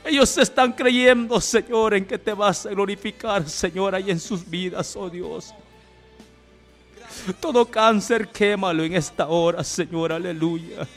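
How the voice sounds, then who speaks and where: Pitched high and a bit bright, this male preacher keeps a measured pace while pleading and exclaiming through a fervent Pentecostal healing prayer full of repeated praise cries. Background music accompanies his voice.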